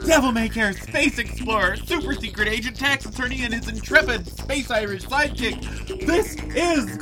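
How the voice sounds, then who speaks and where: A swooping, highly animated mid-pitched voice for a gushing showbiz announcer acted out by a performer in a comedy radio play. Every line is theatrical and sing-song. Faint music hums under it. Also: moderate pace, close to an everyday voice. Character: over-the-top showbiz announcer, gushing, camp.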